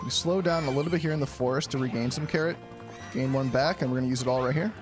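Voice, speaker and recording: A man giving casual live speedrunner commentary, explaining each step of a game to viewers and often clearing his throat. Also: medium pitch, quick pace, music in the background. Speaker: speedrunner streaming a game challenge.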